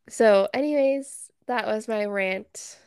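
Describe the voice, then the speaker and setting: A woman's voice: on the high side, darkish tone, clean tone, dry recording, clean studio sound. A young woman co-hosting a podcast, telling an emotional family story in a chatty way with frequent laughter. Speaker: podcast co-host. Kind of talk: casual chat.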